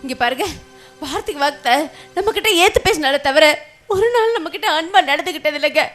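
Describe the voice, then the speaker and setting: A woman's voice: sits high, lively intonation, brisk, fairly bright tone, soft background music. An actress playing an aggrieved middle-aged mother, tearful and complaining about her daughter-in-law. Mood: tearful complaint. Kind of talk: family drama acting.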